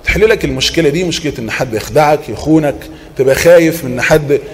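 A man with an Egyptian accent preaching an Islamic sermon, asking rhetorical questions, answering them himself and reciting verses in a measured tone. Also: a little high. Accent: Egyptian Arabic. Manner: quotes Quranic verses in a measured chanting tone; swings between loud emphasis and soft murmured reassurance.

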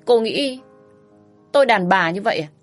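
A woman's voice: mid-range voice, normal speed, soft background music, natural voice. A woman voicing a cool, aloof man who speaks curtly and mockingly in a spoken audio story. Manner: calm, dry, curt, mocking.

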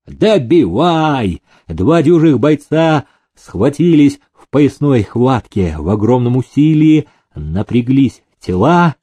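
Неспешный выразительный мужской голос чтеца. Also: male voice, medium pitch, no room sound. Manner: measured, expressive reading. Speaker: audiobook narrator. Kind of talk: scripted storybook narration.

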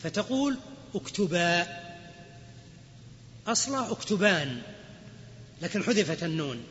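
A high-voiced man gives a grammar lecture in a large hall. He explains each rule and then quizzes his students. The recording is dull and lo-fi, with long reverb and a faint hiss. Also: big pitch swings, measured pace, a bit bright. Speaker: Islamic scholar teaching grammar. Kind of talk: classroom lecture.

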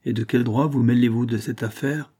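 A man's voice: mid-range voice, fairly even intonation, a little fast, warm tone, close to an everyday voice. A man voicing a stern, impetuous justice of the peace who reproaches someone. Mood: reproachful. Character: stern middle-aged male justice of the peace.

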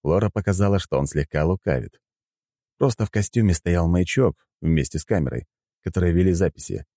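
A man narrating an adventure audiobook in the first person, in a steady storytelling manner. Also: low-pitched, brisk, no room sound, studio quality.

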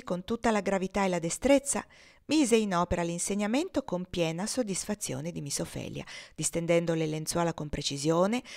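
A woman reading a classic novel aloud as an audiobook, in a calm, measured way. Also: on the low side. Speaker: reader. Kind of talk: audiobook narration.

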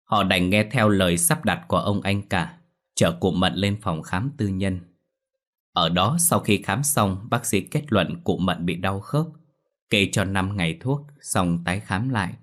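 Man telling a story, real low voice, steady pace. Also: a little slow. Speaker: narrator. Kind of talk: scripted story narration.

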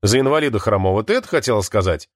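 A man's voice: fairly low pitch, animated, very fast, dry recording, studio quality. A man reading an audiobook, voicing a blunt, sardonic teenage boy.

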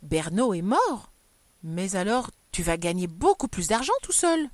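A woman reading aloud, voicing an impulsive, nervous bourgeois wife who pleads and exclaims in a raised, higher voice. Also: moderate pace, dry recording, natural voice. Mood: insistent. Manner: excitable, pleading, higher and louder than the narration.

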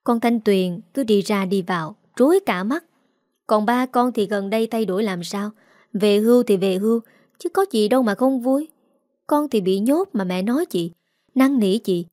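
A woman voicing a sharp-tongued stepmother in her forties in a storybook reading, nagging and scornful. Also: medium pitch, moderate pace, no room sound, studio quality, close to an everyday voice. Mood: complaining. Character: scolding middle-aged stepmother, sharp-tongued.

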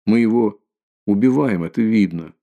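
A man voicing a proud young woman, firm and sharp but reining herself in. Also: fairly low pitch, moderate pace, muffled recording, natural voice. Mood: earnest. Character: proud young woman, quick-tempered sister.

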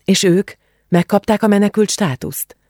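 A woman's voice: medium pitch, mellow, dry recording, voice pushed up, close to an everyday voice. Earnest teenage girl, heartfelt and bookish, in a close, dry audiobook read, voiced by a woman narrator. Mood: eager. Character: earnest teenage refugee girl, book-loving. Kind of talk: audiobook character reading.

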